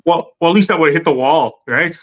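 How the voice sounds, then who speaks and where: A man's voice: a little high, quick pace. Easygoing man, dull call audio. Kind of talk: casual chat. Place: home room on video call.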